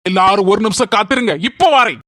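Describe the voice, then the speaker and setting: A woman's voice: medium pitch, fast, very noisy, close to an everyday voice. A woman voicing chiding village in-laws in a cartoon comedy, with a Kanyakumari Tamil accent and mocking banter. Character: high-voiced village sister-in-law and kin, chiding.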